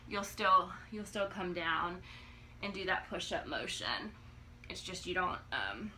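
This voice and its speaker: A woman in her thirties giving a casual, halting exercise demonstration as a fitness coach, often checking in as she instructs. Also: on the low side, pushed and bright. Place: living room, indoors. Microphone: phone or camera a few feet away. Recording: noisy home video, phone mic.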